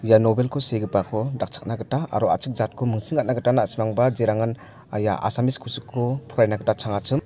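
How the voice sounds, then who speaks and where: A man narrating his vlog in a calm, explanatory way. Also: fairly low pitch, racing, a little hiss or hum. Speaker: vlogger.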